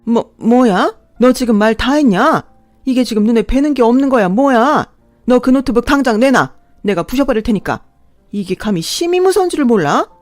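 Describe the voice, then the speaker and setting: Woman playing a loud nasty mother-in-law, snapping and yelling, dry sound with faint music. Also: on the high side, big pitch swings, moderate pace, no room sound, voice pushed up. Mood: furious. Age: middle-aged. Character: shrill, furious middle-aged mother-in-law. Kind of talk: Korean radio drama.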